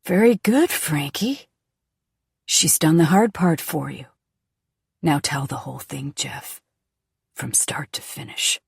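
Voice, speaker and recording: A woman voicing a calm, menacing male captor who mocks his prisoners. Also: sits low, takes it slowly, creaky, pauses often, husky, dry recording, clean studio sound, pitched below the performer's own voice, heavily acted.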